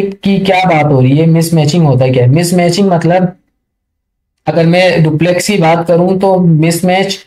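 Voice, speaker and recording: A man teaching a networking lesson over a screen share, chatty and often checking that listeners follow, reading English passages slowly and haltingly. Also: sits high, darkish tone. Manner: chatty, keeps checking understanding. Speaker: networking tutor.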